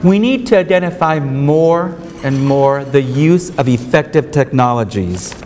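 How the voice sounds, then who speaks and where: Slow, emphatic man in a reverberant hall. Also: mid-range voice, expressive, darkish tone. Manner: earnest, emphatic, repeats key points. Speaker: keynote speaker. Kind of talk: conference keynote lecture. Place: large hotel ballroom with seated audience. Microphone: podium microphone. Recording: reverberant hall, faint room noise.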